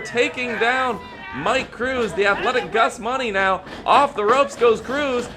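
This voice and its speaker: Male lucha libre wrestling commentator, notably high register, promotional hype and dramatic calls, clear music behind. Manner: hyped promotional announcing with dramatic exclamations.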